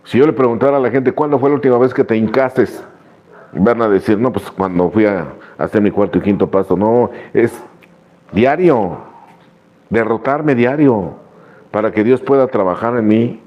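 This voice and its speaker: A man's voice: lowish voice, brisk. A man giving an earnest, repetitive personal testimony at a recovery meeting. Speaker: recovering member sharing his story. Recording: dull lo-fi radio recording.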